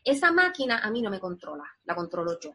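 A woman's voice: medium pitch, very animated, quick pace, bright, forceful tone, breathy edge. A woman guest in a conversational interview, talking earnestly and reflectively, explaining things step by step.

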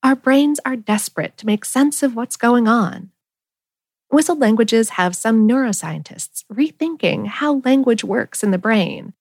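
A woman's voice: a little high, a little slow, dry recording, studio quality. A woman podcast host reading a scripted explanatory narration.

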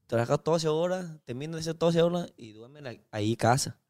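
A man's voice: a little high, fairly quick, a little mellow. Chinese man speaking broken street Spanish. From China. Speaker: guest. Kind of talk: casual interview chat.

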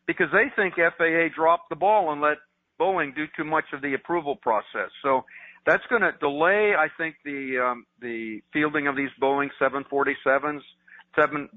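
Brief: older male radio co-host phoning in, slightly high voice, dry tinny phone sound, halting news reading. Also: dry recording. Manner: reads news items with restarts and fillers. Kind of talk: tech news talk by phone. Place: at home, calling in remotely. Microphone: phone headset.

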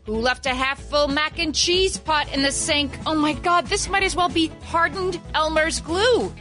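A woman performs an exasperated mom in a parody commercial. Her very high, piercing voice is bright and sharp as she complains sarcastically over faint music. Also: a little slow. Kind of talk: comedic ad parody acting.

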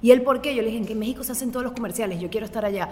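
A woman's voice: fairly high pitch, rapid-fire, darkish tone, long reverb tail. A woman in her late twenties from Venezuela with a Venezuelan accent, a blogger chatting as a guest, full of "o sea" fillers. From Maracaibo, Venezuela. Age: late 20s. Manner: chatty, leans on "o sea, como que" fillers. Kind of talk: casual interview chat.

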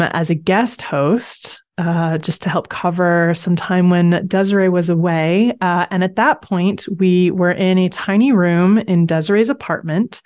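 A woman's voice: on the low side, a little mellow. Woman hosting a casual podcast. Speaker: podcast host. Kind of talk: casual reminiscing podcast chat.

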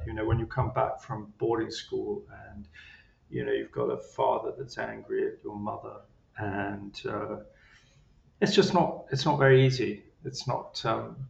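A psychotherapist who grew up in Switzerland talks in an interview conversation with a medium-pitched, gravelly voice. He sounds hesitant, with many fillers and restarts, and the recording is dull, lo-fi and roomy.

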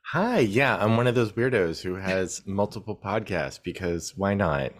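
A man's voice: sits low, animated, a little slow. Rambling man telling stories as a guest. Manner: rambling storyteller, self-interrupting. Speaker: podcast guest. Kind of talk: casual chat.

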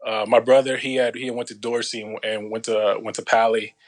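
A man, telling his life story as a podcast guest in a relaxed, slangy way. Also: fairly low pitch, fairly quick. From Los Angeles. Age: 30s. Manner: laid-back storytelling, slangy, many fillers. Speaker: guest, former soldier. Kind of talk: casual interview.

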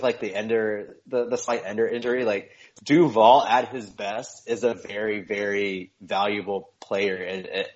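A man with a lowish voice co-hosts a podcast, talking eagerly and cracking small jokes. His delivery is casual and chatty. The recording sounds dull and lo-fi. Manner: enthusiastic, chatty, jokes and self-censors. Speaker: podcast co-host.

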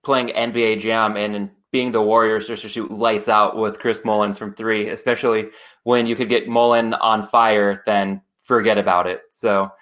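A man's voice: on the low side, flat delivery, normal speed, fairly bright tone. A man hosting a podcast interview, thanking his guest and reading a friendly outro. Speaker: podcast host.

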